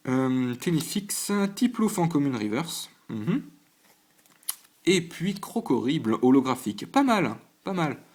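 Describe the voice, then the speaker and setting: A man's voice: mid-range voice, very animated, slow, a little mellow. A man hosting his own channel, talking casually to camera at a desk at home, listing items one after another with short reactions, often stumbling and restarting with fillers. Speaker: channel host opening trading card packs. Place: at home at a desk under a lamp.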